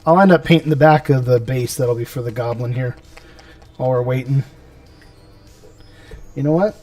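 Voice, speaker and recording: While painting miniatures live on stream, this man speaks at a moderate pace in a medium-pitched, darkish voice, with no room sound. His casual chatter rambles, and he mutters to himself as he works. The mic is a bit distant, with background music.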